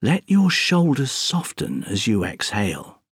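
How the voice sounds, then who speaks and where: A man with a fairly low, breathy voice leads a guided relaxation for sleep. He speaks softly and very slowly, leaving long pauses between gentle, soothing instructions. The recording is close and dry. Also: huge pitch swings, dry recording. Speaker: guided meditation narrator. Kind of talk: guided sleep relaxation meditation, scripted narration.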